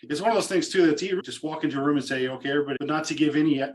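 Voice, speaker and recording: A man hosting an interview podcast talks at a racing pace in a slightly high voice. He agrees readily and rambles around his points, restarting again and again.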